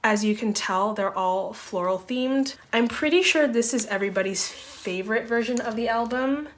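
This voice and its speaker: A young vlogger who collects photocards chats casually while sorting them, rambling along with frequent "um"s and "like"s. Recovering from laryngitis, she sounds slightly congested. Her fairly high voice moves at a moderate pace, with a little hiss or hum in the recording.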